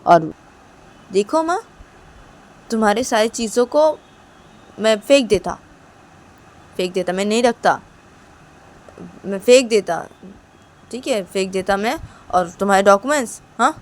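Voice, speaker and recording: A woman's voice: mid-range voice, expressive, measured pace, long pauses, lightly acted. A woman voicing a hurt young woman who coldly pushes her lover away and repeats that she wants to be alone. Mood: stubborn. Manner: cold, accusing, repeats herself. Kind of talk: one-woman storytelling with voices.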